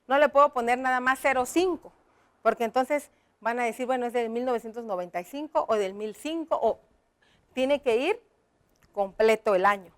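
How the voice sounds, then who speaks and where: High-voiced woman teaching. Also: clear, resonant tone. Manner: slow, explaining step by step, addressing children. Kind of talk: classroom lesson.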